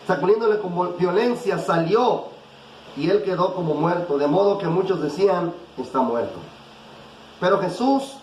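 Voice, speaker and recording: High-voiced male preacher in an echoey room. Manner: reads scripture slowly and deliberately, then preaches with rising intensity. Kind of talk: sermon with Bible reading. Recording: echoey room with faint background noise.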